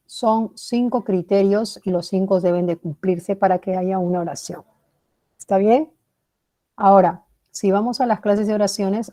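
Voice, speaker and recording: A woman's voice: mid-range voice, dark tone. A woman teaching a language class, explaining step by step, praising students by name and checking in with "¿verdad?". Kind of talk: online class lecture.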